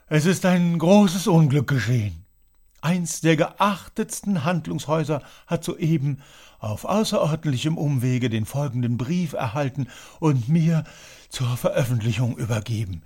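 A man voicing an agitated male writer who loudly reads out a letter in a dramatized audiobook. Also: mid-range voice, slow. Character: agitated male literary man announcing news.

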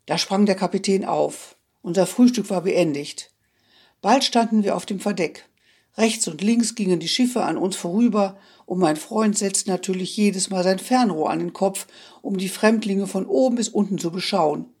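A narrator reads old literary prose aloud in the first person. The voice is husky and mid-pitched. The delivery is expressive and wistful. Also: moderate pace. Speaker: audiobook narrator. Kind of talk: literary audiobook reading.

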